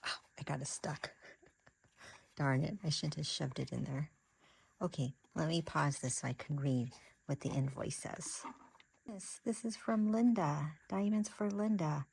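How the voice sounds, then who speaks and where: Gushing and gasping over each craft supply she unboxes, this female vlogger talks casually to the camera in an excitable, chatty way full of restarts. She has a deep, slightly rough voice with vocal fry.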